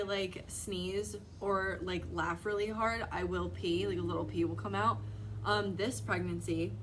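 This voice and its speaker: Talking to camera in a casual vlog, this young pregnant mother is candid and comforting, leaning heavily on "like." Her voice is medium-pitched with a fairly bright tone. The recording is rough, with slight hiss or hum.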